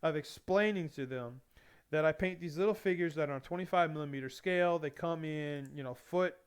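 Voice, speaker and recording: A man with a clear, resonant voice that sits a little high chats in a casual interview. He tells lively stories, acting out both sides of each exchange and laughing often. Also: fairly quick.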